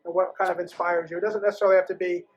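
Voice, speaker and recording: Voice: medium pitch, level tone, rapid-fire, rough recording. An interviewer asking a band casual questions in a joking manner. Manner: joking, laughs often.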